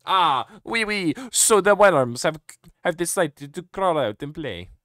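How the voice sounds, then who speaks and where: Streamer doing a grandiose villain voice, loud slow old-timey speech, pompous and menacing. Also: male voice, mid-range voice, very animated, husky, heavily acted. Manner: loud, drawn-out, theatrical archaic speech. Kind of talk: improvised character voicing during a game stream.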